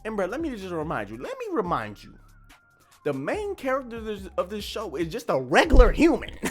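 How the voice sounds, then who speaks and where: A man talking casually and excitedly, with frequent stammers and slang, calling the listener bro as he ranks his picks. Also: high-pitched, fairly quick, over music. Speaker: anime commentator. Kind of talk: casual ranking commentary.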